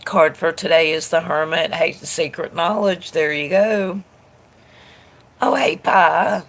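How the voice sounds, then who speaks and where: A woman stuffed up from allergies chats casually with viewers on a tarot live stream, reading comments aloud. She rambles in a chatty way and greets viewers by name, her voice lowish and her pace slow.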